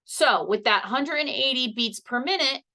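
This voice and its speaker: A woman giving a relaxed health presentation while seated. She speaks chattily, with plenty of fillers, and her voice has a bright, forceful edge as she explains each step. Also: high voice, moderate pace. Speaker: health educator. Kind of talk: casual instructional presentation. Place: seated indoors.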